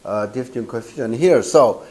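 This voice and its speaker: Captured by a distant camera in a lecture hall, an older man lectures as a professor, his Korean accent marking him as a native Korean speaker. A cold leaves him hoarse, and he talks haltingly with lots of fillers in a mellow, medium-pitched voice.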